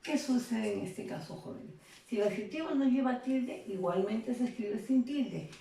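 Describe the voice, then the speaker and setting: Woman teaching, gravelly voice in an echoey room. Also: on the high side, normal speed, warm tone, recorded from a distance. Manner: explanatory, checks in with frequent tag questions. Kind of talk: recorded classroom lesson. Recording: echoey room, voice off-mic, faint noise.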